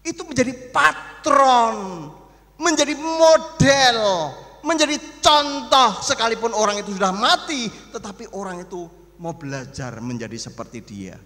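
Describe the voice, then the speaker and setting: A high, bright-voiced man preaches a lively sermon in an echoing church hall. He swings between loud declarations and hushed asides, acting out mourners and gossiping neighbours. The long reverb trails after each phrase. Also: unhurried. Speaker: pastor.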